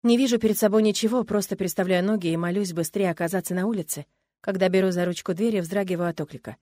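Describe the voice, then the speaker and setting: A woman reading first-person fiction aloud in a steady, expressive storytelling manner. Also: medium pitch, quick pace, no echo, clean studio sound. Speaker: audiobook narrator. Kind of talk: first-person audiobook narration.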